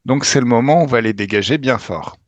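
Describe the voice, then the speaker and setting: A man's voice: mid-range voice, fairly quick, dry recording. A man leading a hypnosis session, commanding and emphatic, with casual swearing. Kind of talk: guided regression session.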